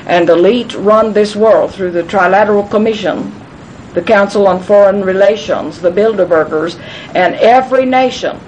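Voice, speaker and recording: A woman with a darkish voice delivers an emphatic, conspiracy-minded talk while fielding questions at a gathering, rambling, restarting sentences and repeating herself. The recording is rough, with a low background rumble.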